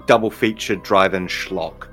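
A man's voice: low voice, steady tone, a little slow, a bit bright, faint music behind. A man with a New Zealand accent, chatting in a jokey, playful way as a podcast guest. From Christchurch, New Zealand. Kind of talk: casual chat.

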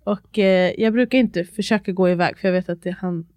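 A woman's voice: medium pitch, a little mellow, no room sound. A woman in her thirties chatting on a podcast, telling a story with lots of laughter and English phrases mixed in. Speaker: podcast co-host. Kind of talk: casual chat.

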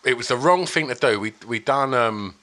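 A man's voice: mid-range voice, animated, moderate pace, pushed and bright. A man with an Essex accent bantering casually as a podcast co-host, blokey and sweary. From Essex, England.

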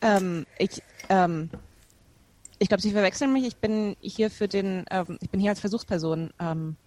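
A woman's voice: high-pitched, expressive, moderate pace, no room sound. A woman playing a nervous female test subject who hesitates and stumbles in an improvised sketch. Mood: unsure. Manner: hesitant, full of fillers.

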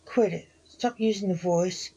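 A woman voicing an easygoing adult who talks in a relaxed, mildly chiding way, on a dull lo-fi recording. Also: on the low side, measured pace, breathy edge.

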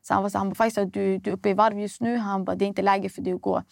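A woman's voice: medium pitch, level tone, gravelly, a little mellow, no echo, studio quality. A young woman, a guest recounting a painful personal story and acting out the dialogue. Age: young adult. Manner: retells events acting out quoted dialogue, many fillers. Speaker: guest poet.

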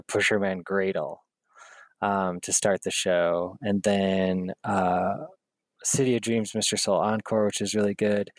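A man's voice: on the low side, no room sound. A man hosting a podcast in a rambling, casual chat full of fillers and laughs. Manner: rambling and chatty, many fillers, laughs often. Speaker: podcast host.

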